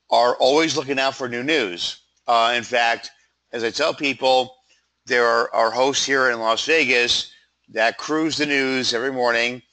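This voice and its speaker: Man, froggy voice, bright and punchy tone, medium pitch, conversational presenter, informal sales pitch. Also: rough recording. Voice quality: froggy, throat-clearing voice. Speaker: PR company presenter.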